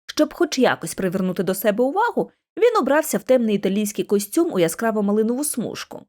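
Lively woman reading an audiobook. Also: medium pitch, quick pace. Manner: animated, expressive. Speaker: audiobook narrator. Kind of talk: bedtime audiobook narration.

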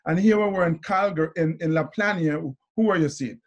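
A man, hosting an interview over a video call, animated and quick to laugh. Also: high voice, dull audio. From Jamaica. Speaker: host. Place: indoor room before a branded backdrop.

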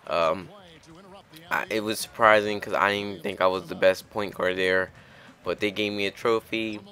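Young male host, deep and bright, relaxed and rambling. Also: moderate pace. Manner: rambling, chatty, with frequent restarts. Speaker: gaming channel host. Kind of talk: casual gameplay commentary.

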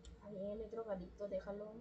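A woman chatting casually while gaming, slangy and excitable. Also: medium pitch, brisk, muffled recording. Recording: noticeable background noise.

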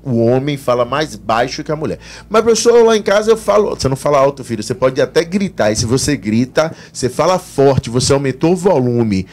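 A man's voice: mid-range voice, a little fast, hardly any pauses. A man teaching physics on a live exam-prep broadcast, speaking with a Brazilian Portuguese accent and acting out students' questions. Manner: animated explanations, voices students' questions.

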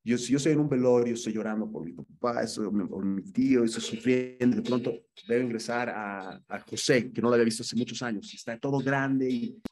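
A man's voice: medium pitch, a little fast, hardly any pauses, darkish tone. A man teaching an acting class, giving students earnest feedback and often repeating words as he searches for the next one.

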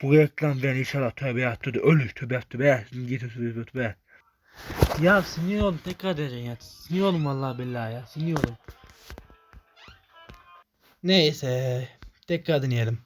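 A young man commentating his own gameplay, talking to himself in rapid muttered repetitions and swearing when frustrated. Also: mid-range voice, faint music behind. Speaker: gamer.

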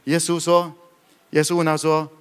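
A man preaching a sermon, telling stories in a lively way with sudden loud outbursts. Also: fairly high pitch, normal speed, clean tone. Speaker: pastor. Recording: reverberant hall.

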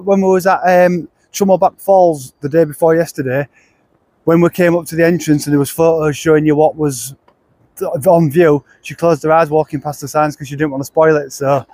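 A man's voice: a little high, fairly even intonation, brisk, darkish tone, no room sound, low-quality recording. A man narrating a casual travel vlog outdoors. He talks chattily into a handheld camera, rambling with restarts. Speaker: travel vlogger. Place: outdoors at a car park and riverside path.

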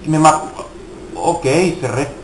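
A man's voice: on the high side, expressive, takes it slowly, roomy sound, slight background noise, rough recording. A young man casually commenting on his gameplay, swearing and mocking himself in frustrated outbursts. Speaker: gaming video host.

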